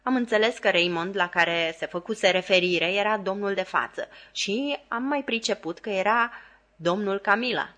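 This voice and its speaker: A woman reading a classic novel aloud as an audiobook, in a measured narrating voice. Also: mid-range voice, sharp tone. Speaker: audiobook reader.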